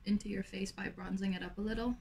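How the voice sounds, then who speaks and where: A young woman with a raspy, lazy voice chatting casually through a makeup tutorial, full of fillers. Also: medium pitch, steady tone, fast talker, darkish tone, a little hiss or hum. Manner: lazy, laid-back delivery full of fillers. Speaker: makeup vlogger.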